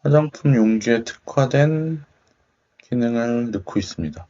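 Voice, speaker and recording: With a mellow, medium-pitched voice and a slightly slow delivery, a man hosting a tech demo mulls over his screen aloud. He murmurs to himself casually, tentative and musing, as a tech video channel host. A dull, lo-fi microphone captures it.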